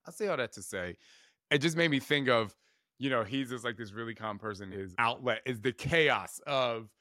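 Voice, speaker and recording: A man's voice: fairly low pitch, fairly bright tone, no room sound, clean studio sound. Casual man hosting a self-help podcast. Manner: casual, conversational, full of "like" and asides, coaching listeners with questions. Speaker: podcast host. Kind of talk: reflective self-help monologue.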